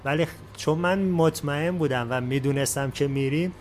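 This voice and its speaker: A man at a workshop telling a story from his own life in a plain, unhurried way. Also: a little high, slight background noise. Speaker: workshop participant. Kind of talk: personal anecdote.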